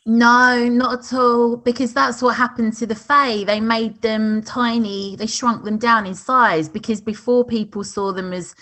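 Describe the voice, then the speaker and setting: A woman co-hosting a casual podcast chat, enthusiastic and agreeable, quick to chime in. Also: on the high side, fairly even intonation, a bit bright. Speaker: podcast co-host.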